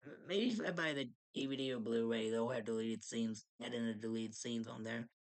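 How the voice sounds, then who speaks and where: A man's voice: medium pitch, a little fast, creaky. A man casually reviewing a movie, rambling with frequent restarts and small chuckles.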